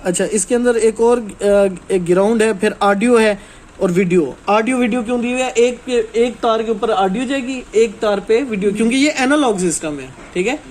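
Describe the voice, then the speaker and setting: Some background noise accompanies this man, a technical trainer whose voice is very high-pitched and a bit mellow. Moving at a moderate pace in a relaxed, hands-on style, he breaks things down step by step and often checks that people are following.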